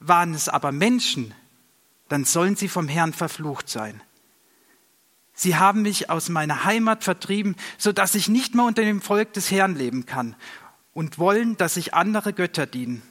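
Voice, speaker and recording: A man's voice: high-pitched, a bit bright, voice pushed up. A man voicing a bold, earnest young warrior in a storybook reading, speaking in a raised, reproachful voice. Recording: long reverb.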